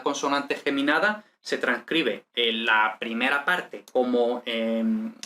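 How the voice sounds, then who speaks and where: A man's voice: mid-range voice, bright, forceful tone. A man teaching a lesson step by step, hesitant, with many fillers and checking questions. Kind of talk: step-by-step lecture.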